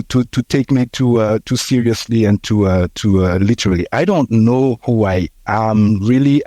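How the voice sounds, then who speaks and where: Podcast guest, man in his sixties, warm dark tone, dry close sound, halting reflective delivery. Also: mid-range voice, no room sound. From Haiti. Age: 60s. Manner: hesitant, many fillers and restarts. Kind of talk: reflective conversational storytelling.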